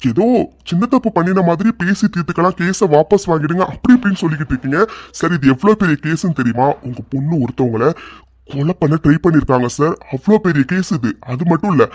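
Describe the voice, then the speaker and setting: A man voicing a calm, firm police inspector in a cartoon who explains the law plainly. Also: fairly high pitch, fast talker, no echo, lightly acted. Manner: firm, explanatory, repeats "sir" politely. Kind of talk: cartoon voice dubbing.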